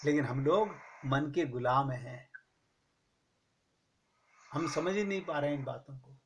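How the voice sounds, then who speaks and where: A man giving a slow, measured spiritual discourse to a gathering, stressing his points with rhetorical questions. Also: medium pitch, slight background noise. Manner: recites verse slowly. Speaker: spiritual teacher. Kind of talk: Hindi satsang discourse.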